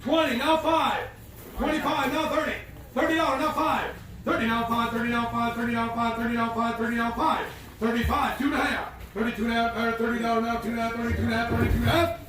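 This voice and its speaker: A man working as an auctioneer, calling bids in a rapid, repetitive chant and urging buyers on in a folksy way. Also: extremely high pitch, flat delivery, a bit bright. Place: live auction sale, off the mic. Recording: distant, echoey, clearly noisy live auction.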